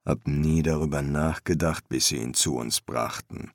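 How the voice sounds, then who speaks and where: A man voicing a weary older master embalmer who answers in a dry, patient, deadpan way. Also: rumbling low, moderate pace, gravelly, no room sound, pitched below the performer's own voice, heavily acted.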